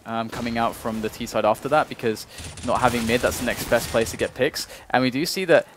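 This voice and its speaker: Man, esports caster, mid-pitched voice, analytical match commentary, explanatory phrasing, noticeable background noise with clicks. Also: little pitch movement, brisk.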